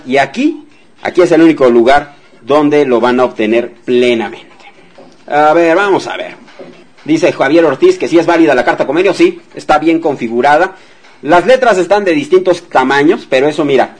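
A man hosting a radio show and giving debt advice to listeners in a relaxed, conversational way, speaking straight to them and acting out sample dialogues. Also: a little high. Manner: conversational, addresses listeners directly, acts out example dialogues. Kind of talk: casual advice talk to listeners.

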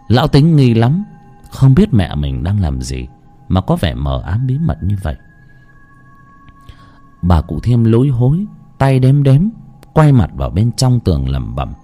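A man narrating a ghost story with dramatic flair. His voice rises and falls in a lively way, and faint music plays behind him. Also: fairly low pitch.

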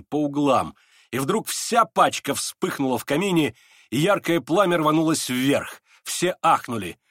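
A man narrating an audiobook of a classic novel in a dramatic, expressive reading. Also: medium pitch, no room sound, clean studio sound. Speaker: audiobook reader.

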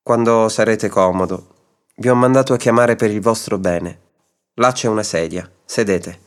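A man's voice: lowish voice, moderate pace, natural voice. A man reading a patient, wry judge. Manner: calm, gently reasoning. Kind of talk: radio reading of a short story.

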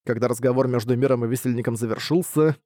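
Man narrating an audiobook, dark and dry. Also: medium pitch, fairly even intonation, fast, no room sound.

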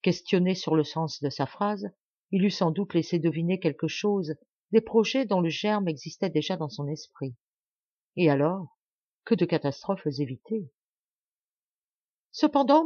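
A woman's voice: on the low side, dry recording. Woman reading a classic novel aloud. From France. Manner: measured, expressive reading. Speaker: audiobook reader. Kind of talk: literary audiobook narration. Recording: dull, dry home recording.

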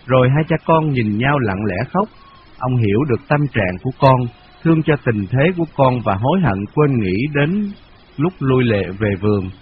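A man reading a novel aloud in a steady, measured storytelling voice, on a dull lo-fi radio recording. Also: medium pitch, slight background noise. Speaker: narrator.

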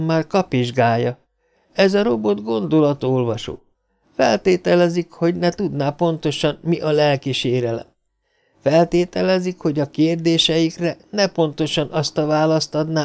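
Sardonic woman scientist, biting and mocking, pitched up in audiobook narration, put on by a male narrator. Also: vocal fry, darkish tone, clean tone. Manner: sarcastic and biting. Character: sharp, mocking woman robot psychologist.

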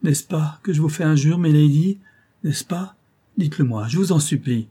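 A man's voice: medium pitch, moderate pace, mellow, breathy edge, close to an everyday voice. A man voicing a terrified young female servant who pleads and sobs in broken outcries, reading a classic novel aloud. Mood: pleading. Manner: sobbing, beseeching, breathless outcries.

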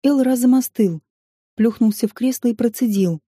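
A woman narrating a science-fiction audiobook in an even, measured reading. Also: on the high side, slightly rough, dry recording, studio quality.

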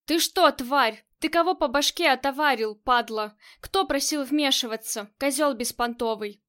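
A woman voicing a gruff, short-tempered male crime boss in an audiobook, swearing and barking orders. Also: high-pitched, normal speed, close to an everyday voice. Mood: angry. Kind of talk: audiobook character reading.

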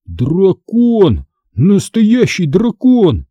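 A man's voice: sits high, huge pitch swings, extremely slow, dark tone, dry recording, muffled recording, voice pushed up, exaggerated voice. Man doing a panicky, snappish young boy. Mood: stunned. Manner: stammering, snapping.

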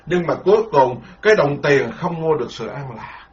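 A Buddhist monk giving a dharma talk, animated, repeating words and laughing ruefully. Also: male voice, on the high side, normal speed. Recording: lo-fi muffled recording.

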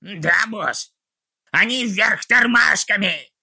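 A fumbling, servile goblin underling. His voice is high and squeaky with a raspy grain. He answers eagerly and fawningly. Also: slow pace, sharp tone, full character voice.

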